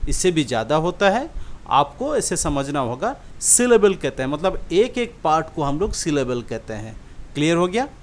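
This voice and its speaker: A man teaching an English lesson, sounding out example words slowly and often asking the listener if it is clear. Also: on the high side. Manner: repeats example words slowly, checks understanding with questions. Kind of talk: classroom-style lesson explaining syllables.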